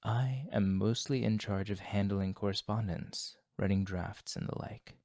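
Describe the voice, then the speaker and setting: A man's voice: lowish voice, measured pace, no echo, clean studio sound. An actor playing a courteous, anxious young male vampire who speaks formally in an ASMR roleplay. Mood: apologetic, polite. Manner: formal, polite, hushed and breathy asides, sighs. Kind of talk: ASMR roleplay, scripted monologue to the listener.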